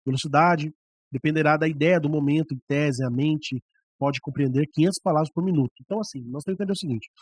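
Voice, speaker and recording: A man with a Brazilian Portuguese accent teaches preaching to church leaders, chatty and hands-on, showing each point with his own voice. His voice sits a little high and carries a husky edge. The sound is close and dry, from a stand microphone about ten centimeters away. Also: quick pace, no room sound. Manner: conversational, often demonstrating with voice and mic. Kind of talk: classroom lecture on preaching.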